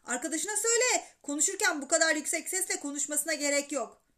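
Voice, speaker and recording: A woman's voice: sits high, expressive, quick pace, a bit bright. A woman voicing an exasperated father who scolds his son at the dinner table in a children's story reading. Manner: stern and exasperated.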